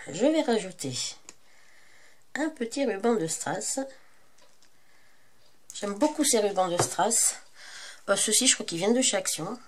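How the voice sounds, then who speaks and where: A crafting channel host with a French accent leads a tutorial while congested with a cold. Her mid-range voice is casual and hesitant, full of fillers and self-corrections, with slight background noise behind her.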